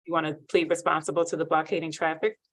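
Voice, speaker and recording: A woman judge, heard on a courtroom recording, running a hearing in a brisk, formal way and reading procedure by rote. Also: deep voice, flat delivery.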